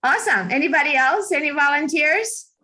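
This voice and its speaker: Woman from Russia, Russian native, study abroad advisor, upbeat video-call presenter, slightly high voice. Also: lively intonation, brisk, sharp tone. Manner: upbeat, chatty, many fillers. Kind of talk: online information session.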